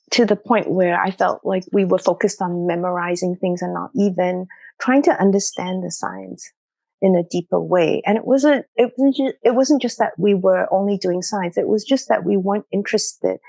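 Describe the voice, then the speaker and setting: A woman's voice: lowish voice, vocal fry, mellow, dry recording. A middle-aged woman from Singapore, a doctor talking through her path as a podcast guest, reflective and often tagging "you know" and "right?". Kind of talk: conversational interview.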